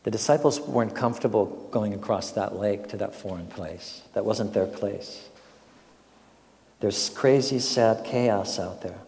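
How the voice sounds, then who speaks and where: A man's voice: fairly low pitch, measured pace, a little mellow, in a large hall. An older man preaching a sermon as a pastor, telling a story and asking reflective questions.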